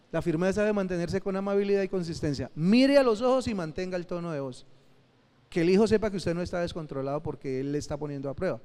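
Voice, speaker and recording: A man's voice: high-pitched, a little mellow. A man, a pastor, teaching at a church conference in an emphatic way, repeating key phrases and speaking straight to his listeners. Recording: echoey hall reverb.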